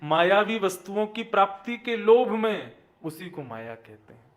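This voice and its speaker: A young man preaching a sermon, his lines swelling with emphasis and then dropping soft at the ends. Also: high voice, big pitch swings. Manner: chants verses slowly in song.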